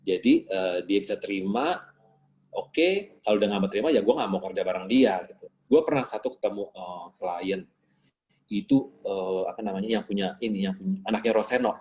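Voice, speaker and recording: A man's voice: lowish voice, fairly quick. A man in casual chat on a video call, telling a story with lots of slang and acting out what people said. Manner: animated, acts out quoted lines in slangy talk. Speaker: guest.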